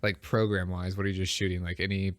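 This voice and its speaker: A man's voice: low voice, flat delivery, fast talker, dry recording. A man with a stuffed-up nose, sounding congested and slightly short of breath as he chats casually as a podcast host. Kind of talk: casual chat.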